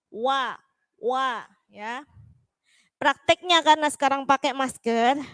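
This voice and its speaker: A woman teaching a Quran recitation lesson online, repeating syllables and chanting verses slowly for students to follow. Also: high voice, no echo. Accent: East Javanese.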